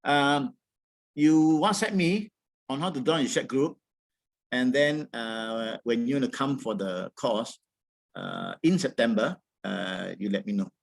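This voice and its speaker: A man's voice: medium pitch, big pitch swings, measured pace, gravelly. A man with a Singaporean accent speaking as a trading coach in an informal webinar, colloquial and encouraging, with frequent tag words. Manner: colloquial Singlish with tags like "all right" and "lah". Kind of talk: informal webinar presentation with audience questions.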